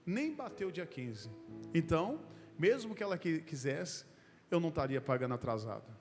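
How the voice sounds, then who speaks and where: A middle-aged man preaches in a church, spinning an anecdote and calling out to the brethren. His voice sits fairly high for a man. Music plays underneath, and his words trail off in the long reverb of the hall. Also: normal speed. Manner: lively anecdotal, addresses listeners as brother. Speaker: pastor. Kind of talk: storytelling sermon.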